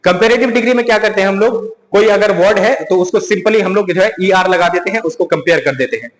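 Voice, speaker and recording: In a room with long, echoing reverb, a high-voiced male teacher runs a grammar lesson. He poses questions and answers them himself, repeating key words slowly.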